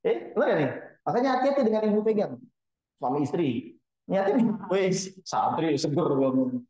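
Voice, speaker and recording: A man leading a casual religious study gathering, often quizzing his listeners and joking, with sudden high bursts in his voice. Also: expressive, mellow. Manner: keeps quizzing the audience with quick questions. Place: Islamic boarding school gathering hall. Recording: roomy, slightly dull sound.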